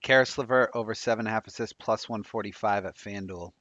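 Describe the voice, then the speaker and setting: A man in his thirties co-hosting a live betting stream, chatting quickly and reading odds off a screen. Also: on the low side, a bit bright, no echo. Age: 30s. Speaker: sports betting show co-host. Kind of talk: casual live-stream chat. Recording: dry, dull lo-fi mic.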